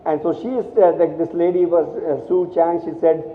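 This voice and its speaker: A man's voice: a little high, little pitch movement, normal speed, a little hiss or hum. A man from India giving a motivational speech to students, telling stories animatedly with many restarts and repeated words. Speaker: guest speaker at a college. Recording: echoey hall, thin phone-like sound.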